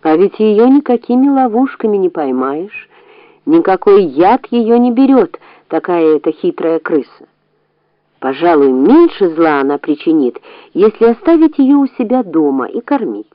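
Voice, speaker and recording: Expressive woman reading a storybook. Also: fairly low pitch, normal speed, dry recording, dull audio. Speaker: audiobook narrator. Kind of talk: storybook narration.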